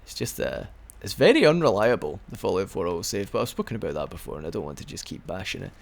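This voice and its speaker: A young let's play commentator rambles casually over the game he's playing, chatty and restarting often, with an occasional hiccup. His gravelly voice sits low, swings widely in pitch, and moves at a quick pace.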